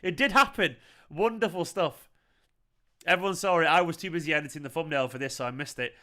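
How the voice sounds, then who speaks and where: Mancunian man, fan stream host, excitable, sweary, bright voice, smooth clear tone. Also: fairly high pitch, fairly quick. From Manchester, England. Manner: excitable, sweary, chatty with viewers. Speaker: football fan channel host. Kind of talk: live post-match reaction stream reading chat.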